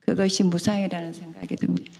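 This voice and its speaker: Rapid, gravelly woman student. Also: lowish voice, flat delivery, dark tone. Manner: hesitant, many fillers. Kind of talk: answering in class.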